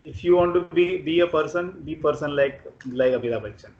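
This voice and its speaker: A man in his late forties from Konkan with a Marathi Indian accent, answering casual interview questions haltingly and often repeating words. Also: fairly high pitch, a little mellow. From Konkan, Maharashtra, India. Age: late 40s. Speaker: interviewee, IT professional. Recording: dull, echoey room recording.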